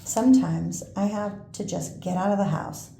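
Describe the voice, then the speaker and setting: An older woman reads a children's storybook in a grandma voice. Her tone is very mellow and dark, with a gravelly creak. She takes her time with expressive pauses and small asides, recorded in an echoey room. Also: medium pitch. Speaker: grandmother reading picture books to a baby. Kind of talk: read-aloud children's storytelling. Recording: roomy echo, faint background noise.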